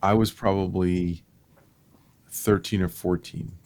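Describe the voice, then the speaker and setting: A middle-aged man co-hosting a podcast, telling stories in a lively, casual way and laughing at his own tales. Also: low-pitched, slow. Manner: animated storyteller, laughs at own tales, many restarts. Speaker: podcast co-host. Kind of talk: casual storytelling chat.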